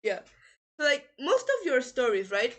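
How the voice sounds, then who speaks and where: A woman's voice: high-pitched, sing-song, normal speed. A woman hosting a casual livestream podcast, enthusiastic and encouraging, laughing often as she asks questions. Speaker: podcast host.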